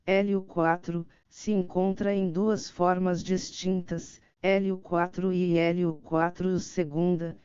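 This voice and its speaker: A woman narrates formal, encyclopedic text with a measured delivery. Her voice is on the low side and very smooth and crisp. The sound is dry, with a slightly dull, lo-fi finish. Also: mellow, no echo. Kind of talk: scripted audiobook narration of an encyclopedic article.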